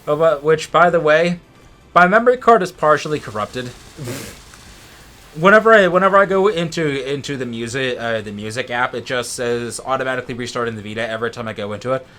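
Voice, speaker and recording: Game music runs behind a man whose mid-range voice is expressive, fairly quick and sharp in tone. Co-commentating a let's play, he keeps the talk casual, geeky, opinionated and casually profane.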